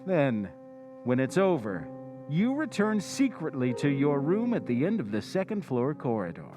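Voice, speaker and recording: An actor playing the Whistler, a knowing radio-drama narrator who speaks straight to the listener's character in a slow, insinuating way. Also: male voice, a little high, sing-song, over music. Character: male Whistler narrator, ominous, knowing, taunting.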